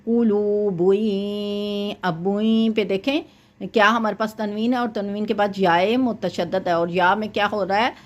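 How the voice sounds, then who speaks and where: A woman teaching Quran recitation rules, explaining each point patiently and chanting verses slowly to demonstrate. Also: medium pitch, fairly even intonation. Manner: often checks in with "thik hai". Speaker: tajweed teacher. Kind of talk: Quran recitation lesson with corrections.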